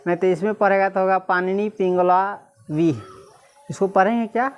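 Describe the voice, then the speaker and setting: A woman teacher, reading Sanskrit slowly syllable by syllable and quizzing the class again and again. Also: medium pitch, steady tone, clean tone, dull audio, faint music behind. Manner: repeatedly quizzes listeners, slow syllable-by-syllable reading.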